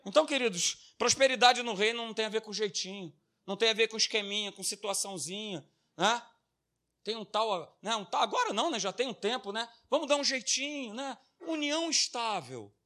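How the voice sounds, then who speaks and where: A man's voice: high-pitched, brisk, pushed and bright. A man, a pastor preaching a sermon with passion and talking directly to his congregation. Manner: impassioned, addresses the congregation as "dear ones".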